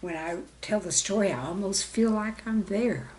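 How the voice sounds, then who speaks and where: A woman reads a children's story in a simple, friendly way, as though speaking directly to young listeners, in gentle scripted storytelling. Her voice is medium in pitch with a darkish tone, at normal speed, with a little hiss or hum in the recording.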